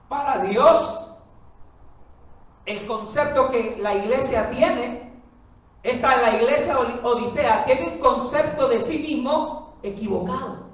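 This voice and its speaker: A woman preaching a sermon, emphatic and full of rhetorical questions to the congregation. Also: high voice. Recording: very echoey hall, far from the mic.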